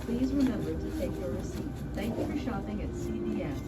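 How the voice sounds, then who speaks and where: A woman's voice: medium pitch, expressive, a little fast, heavy background noise. A recorded woman's voice on a store self-checkout speaker, reading polite automated announcement prompts. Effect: self-checkout kiosk speaker.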